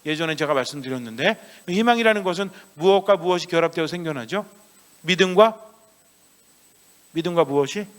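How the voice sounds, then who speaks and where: Priest with a lively, questioning sermon voice. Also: male voice, on the high side, brisk, pauses often. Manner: asks the congregation many questions and answers himself; acts out children's voices in a playful story. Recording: long church reverb.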